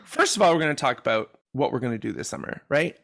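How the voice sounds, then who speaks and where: A man's voice: medium pitch, big pitch swings, fast, gravelly, fairly bright tone. A man in his fifties co-hosting a podcast, chatting casually and joking, rambling with fillers. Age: 50s. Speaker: podcast co-host. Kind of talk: casual chat.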